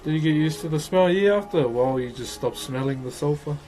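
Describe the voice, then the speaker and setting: A man's voice: on the high side, animated, fast, warm tone, faint music behind. A man with a broad New Zealand accent chats casually on a livestream as he works, in a laid-back, slangy, matey way. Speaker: livestream host. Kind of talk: casual livestream chat while working.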